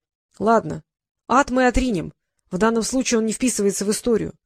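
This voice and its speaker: A woman's voice: a little high, lively intonation, brisk, vocal fry, no room sound. A woman voicing a grumpy, talkative male creator who lectures and grumbles, in an audiobook reading. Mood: grumbling. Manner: irritable, lecturing, sighing.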